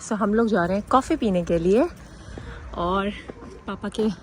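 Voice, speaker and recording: A woman in her thirties from India, a family vlogger and mother of two, chats casually to her viewers while filming on a handheld phone. Her mid-range voice is unhurried and relaxed as she talks to them directly, out and about on streets, in a restaurant or café, and at home. The vlog audio carries clear background noise.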